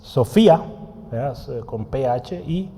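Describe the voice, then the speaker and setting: In a church hall with long reverb, a preacher gives a conversational teaching sermon, asking the congregation questions and writing on a board as he explains. His mid-range voice is warm with a breathy edge, lively in intonation, and slow in pace.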